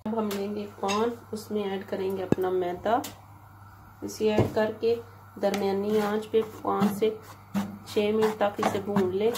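A woman with a Pakistani Urdu accent giving steady step-by-step recipe instructions as a cooking channel host in her home kitchen. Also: medium pitch, very noisy. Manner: steady, even, unhurried instructions. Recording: home kitchen recording with audible frying sizzle.

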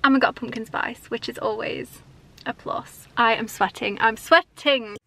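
A woman's voice: on the high side, a little slow, gravelly, fairly bright tone, poor audio. A young woman talking to a camera held at arm's length, chatting in a rambling, upbeat way from her home and her parked car. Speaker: vlogger. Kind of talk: casual vlog chat to camera.

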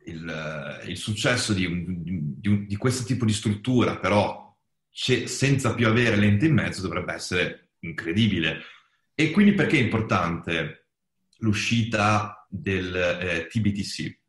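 A man co-hosting a casual panel podcast, explaining technical points at length, halting and restarting as he goes. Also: sits low, lively intonation, reverberant. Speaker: podcast co-host explaining crypto.

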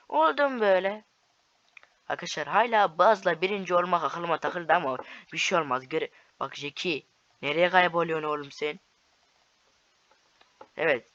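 Young man, excitable gameplay commentary, taunting, fairly high voice, dry close mic. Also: dry recording. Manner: excitable, shouts and taunts at opponents. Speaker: gaming YouTuber. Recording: slightly dull lo-fi sound.

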